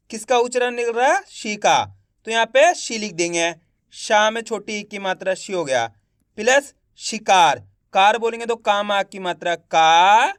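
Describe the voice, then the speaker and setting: High-voiced man teaching Hindi spelling. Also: fairly bright tone, clear, resonant tone, no room sound, clean studio sound. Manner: slow, repetitive, spells words out syllable by syllable; quizzes viewers with repeated questions. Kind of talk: Hindi literacy lesson.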